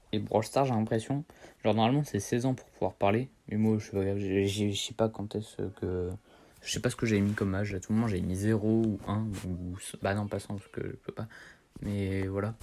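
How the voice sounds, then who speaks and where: A man's voice: lowish voice, fairly even intonation, normal speed, warm tone, slight background noise. A teenage boy chatting casually over his gameplay, rambling in slang and correcting himself as he goes. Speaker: gaming streamer.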